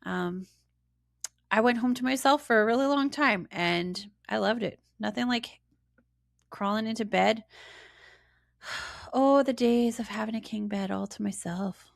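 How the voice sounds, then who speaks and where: A woman's voice: medium pitch, moderate pace, vocal fry, no echo, studio quality. A middle-aged woman hosting her own podcast, chatting in a reflective, rambling way with plenty of fillers. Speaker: podcast host. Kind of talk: casual solo podcast chat.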